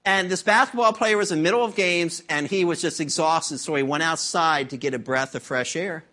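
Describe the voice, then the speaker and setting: A man's voice: a little high, a little fast. A middle-aged man preaching a sermon as pastor, telling stories with humor and acting out voices. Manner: animated storytelling with acted-out voices and humor.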